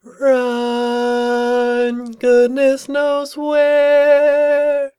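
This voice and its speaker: A man's voice: expressive, moderate pace. A man voicing a frantic, paranoid young female pony who is dramatic and overwrought. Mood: warbling song. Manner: shrill and overwrought, warbling when singing.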